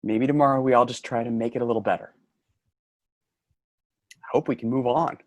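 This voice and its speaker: An actor in a staged reading plays an earnest, fed-up office worker who is grieving and sardonic. His medium-pitched, fairly quick voice is steady and close to everyday speech, recorded dry, while his solemn, heartfelt delivery swings from shouting to quiet grief.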